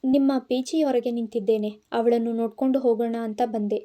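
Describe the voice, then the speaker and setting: A woman's voice: fairly high pitch, steady tone, brisk, dark tone, close to an everyday voice. Female narrator playing a stern middle-aged father, harsh scolding, in a story reading. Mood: plain. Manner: scolding, raised voice.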